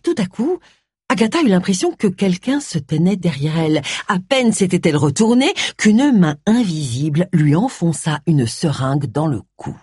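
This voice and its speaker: A woman narrating a mystery novel audiobook with expressive storytelling. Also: lowish voice, normal speed, slightly rough, no echo, clean studio sound.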